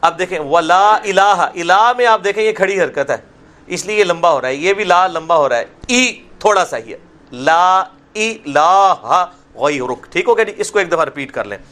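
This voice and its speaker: A middle-aged man gives a lesson on recitation in a bright, forceful voice. He explains each sound carefully, then draws the words out slowly for his listeners to repeat, dropping into asides now and then. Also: sits high, expressive. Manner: slips into Punjabi asides. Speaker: religious lecturer teaching prayer recitation. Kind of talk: classroom lesson with slow drawn-out recitation.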